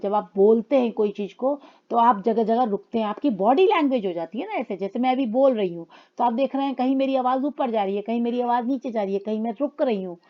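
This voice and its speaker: A woman teacher explaining a grammar lesson in a classroom style, calling her students children and reading examples slowly. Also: medium pitch, highs cut off. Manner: addresses students as children, reads English lines slowly.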